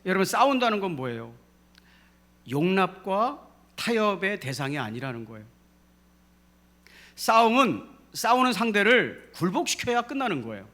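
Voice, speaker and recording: A man's voice: sits high, sing-song, moderate pace, long pauses, a bit bright. A man pastor preaching a sermon in a church, drawing responses from the congregation and rising to emphatic peaks. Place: church sanctuary.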